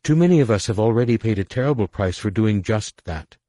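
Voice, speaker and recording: A man's voice: fairly low pitch, expressive, a little fast, warm tone, no room sound, voice pushed up. A man voicing a tired but earnest female scientist who argues urgently and insistently. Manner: urgent and pleading. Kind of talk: audiobook character voice.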